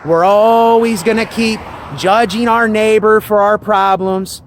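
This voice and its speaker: Slow, high-voiced man preaching earnestly. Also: fairly even intonation, a little hiss or hum. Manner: earnest and preachy, repeats himself. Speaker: channel host. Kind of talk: casual monologue to camera.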